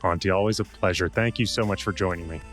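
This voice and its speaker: Low-voiced male podcast host. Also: quick pace, over music. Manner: courteous, wrapping up with a set closing question. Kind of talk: interview hosting.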